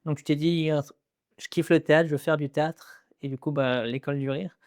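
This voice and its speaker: A man hosting a podcast interview, relaxed and slangy, encouraging his guest. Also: on the high side, a little fast, no room sound, studio quality. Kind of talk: casual interview chat.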